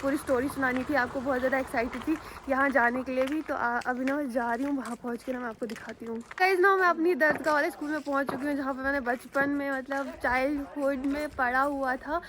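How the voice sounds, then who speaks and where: A woman vlogger from Jammu and Kashmir with a high voice. She talks to her viewers in a loose, chatty way and keeps calling them "guys". She records herself outdoors on a handheld phone. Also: fairly even intonation, brisk, hardly any pauses, background noise. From Jammu and Kashmir, India. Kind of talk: casual vlog storytelling to viewers. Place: outdoors on a rooftop and at a school ground.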